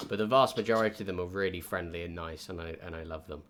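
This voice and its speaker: A man's voice: low voice, fast, a bit bright, a little hiss or hum. A young man hosting a casual podcast chat with friends, running a dog vote and easily amused. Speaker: podcast host.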